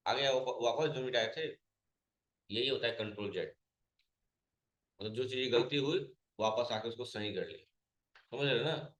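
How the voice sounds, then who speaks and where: A man's voice: medium pitch, echoey room, rough recording. A man teaching a computer class, asking his students questions and then answering them himself, repeating each key point. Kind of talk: classroom lesson.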